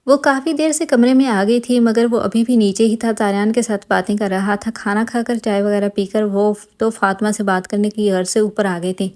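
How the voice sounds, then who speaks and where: Woman narrator for a novel read-aloud, calm and even, warm dark tone. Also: medium pitch, few pauses. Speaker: audiobook narrator.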